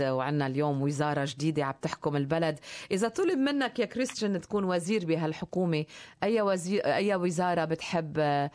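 A woman's voice: low-pitched, a little mellow. A woman with a Levantine Arabic accent hosting a live radio interview. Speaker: radio host.

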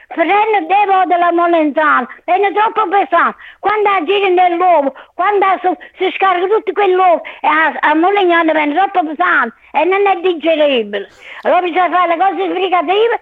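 Very high-voiced older woman on a phone line. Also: normal speed. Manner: emphatic, opinionated about cooking. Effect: over a landline phone. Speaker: caller.

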